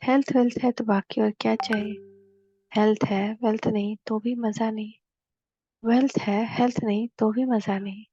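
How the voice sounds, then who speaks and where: A woman giving a devotional class, explaining scripture in a homely storytelling way with slow, emphatic repetitions. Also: a little high, flat delivery, dark tone, husky. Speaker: spiritual teacher. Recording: slightly dull dry recording.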